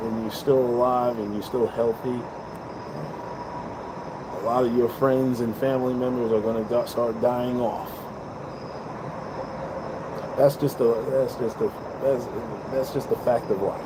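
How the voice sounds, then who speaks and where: A man's voice: mid-range voice, fairly even intonation, a little slow, long pauses, noisy background. A man in his fifties giving rambling, earnest life advice in a casual monologue, swearing freely and repeating himself. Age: 50s. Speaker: vlogger. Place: balcony, outdoors.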